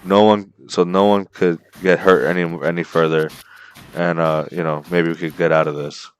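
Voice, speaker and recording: A man co-hosting a podcast, casually retelling story scenes in an animated way. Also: deep voice, normal speed, clean tone. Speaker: podcast co-host. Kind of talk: casual chat.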